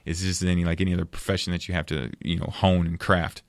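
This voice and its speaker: A man with a very low voice talks as a podcast guest. He argues with passion and repeats words as he thinks. The recording is close and dry. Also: flat delivery, fast talker, dry recording. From United States. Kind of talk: casual discussion.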